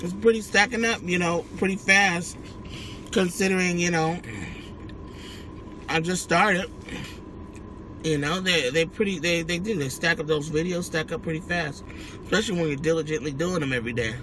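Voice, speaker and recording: A man's voice: on the high side, normal speed, pauses often. An American man chatting casually to viewers as he eats, chewing while he talks and humming with relish. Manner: chewing while talking, savouring hums. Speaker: mukbang vlogger. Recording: clear background noise, car ambience.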